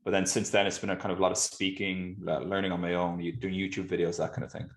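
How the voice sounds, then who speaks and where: Male, low voice, west of Ireland accent, informal interview guest in a roomy, echoey space. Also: little pitch movement, quick pace. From Galway, west of Ireland. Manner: informal, hedging with 'kind of'. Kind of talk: casual interview chat.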